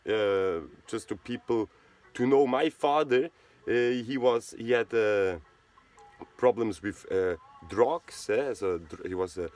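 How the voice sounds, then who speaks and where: Hosting a charity video channel, a low-voiced man from Switzerland talks casually on his own. He speaks in a halting way, often groping for words, filling gaps and starting over.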